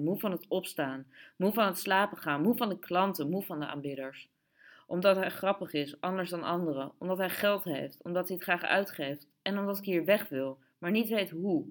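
A woman's voice: on the low side, close to an everyday voice. A woman voicing a weary young woman who pours out her reasons in a long, tired flood. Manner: long tired pleading outpouring.

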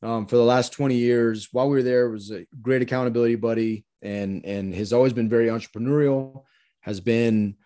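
A man's voice: mid-range voice, steady tone, fairly quick, mellow. A man in his forties co-hosting a podcast, introducing a guest in an earnest, effusive way, with many restarts. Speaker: podcast co-host. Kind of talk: casual interview chat.

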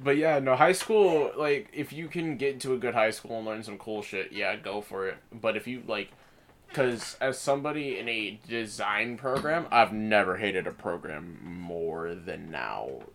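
A man's voice: fairly low pitch, measured pace, a bit bright, a little hiss or hum. A young man co-hosting a casual podcast, rambling and crude, laughing often, close to the mic. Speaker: podcast co-host. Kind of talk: casual chat.

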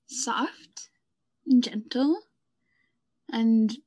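A woman's voice: a little high, very slow, mellow, slightly rough, no room sound. A woman co-hosting a podcast, chatting casually about songs, chatty and playful with frequent laughs. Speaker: podcast co-host. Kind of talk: casual chat reviewing songs. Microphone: own microphone while recording.

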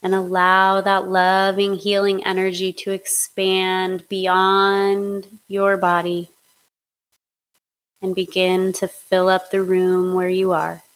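A woman leading a guided hypnosis meditation in a slow, soothing, steady way. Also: medium pitch, rough recording. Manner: slow, soothing, monotone guidance.

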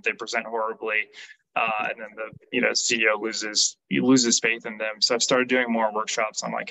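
A man's voice: on the low side, creaky, rough recording. A young adult man talking casually as a podcast guest, with plenty of fillers and restarts. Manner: relaxed, frequent fillers and restarts. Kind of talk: casual interview talk.

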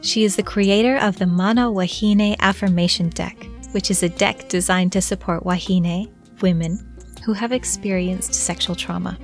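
A woman hosts a podcast, speaking in a gentle, measured and caring way at a middle pitch. Faint music plays softly behind her voice. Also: steady tone. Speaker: podcast host. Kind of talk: podcast introduction and interview.

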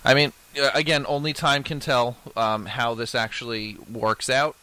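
A man's voice: mid-range voice, steady tone, normal speed, sharp tone. A man co-hosting a casual podcast, talking loosely with lots of fillers and the odd swear. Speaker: podcast co-host. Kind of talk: casual chat.

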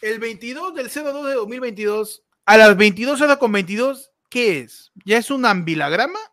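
A man's voice: very high voice, expressive, moderate pace, a bit bright, no room sound, studio quality. A young Peruvian man co-hosting a livestream in casual banter, joking with playful wordplay. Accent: Peruvian Spanish. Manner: jokey, playful wordplay, repeats "mano". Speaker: livestream co-host.

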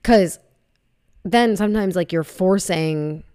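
A young woman co-hosting a podcast, chatting casually in a relaxed, rambling way full of fillers, into a podcast microphone. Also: on the low side, slow, smooth, no room sound, clean studio sound. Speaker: podcast co-host. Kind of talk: casual chat.

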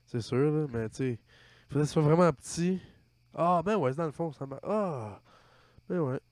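A man's voice: on the high side, animated, normal speed, darkish tone, dry recording. Quebecois man, crude joking banter. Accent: Quebec French. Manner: swearing, laughing, trailing off.

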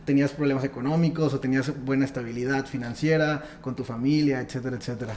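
A man's voice: mid-range voice, fairly even intonation, quick pace, darkish tone, slight background noise. A man hosting a casual interview, enthusiastic and building up his guest with long lists of praise. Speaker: podcast host.

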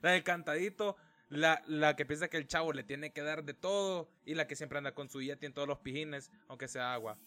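Young Honduran male host, a bit high-voiced, playful, does quick impressions. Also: sharp tone. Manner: steers the talk, playful, acts out quoted voices. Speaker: podcast host. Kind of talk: casual group chat.

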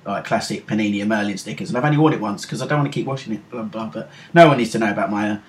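A man's voice: lowish voice, racing. British man hosting a casual podcast. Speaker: podcast host.

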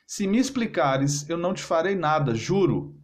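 A man's voice: a little high, sing-song, moderate pace. A man reading as a betrayed, anguished husband. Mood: pleading. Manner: intense, bitter, pleading. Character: betrayed husband, middle-aged, bitter and anguished.

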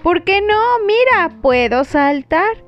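A woman's voice: very high voice, expressive, slow, voice pushed up, heavily acted. A woman voicing a small girl frog who wishes she were another animal, in a storybook reading. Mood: whiny. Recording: dull lo-fi with guitar music.

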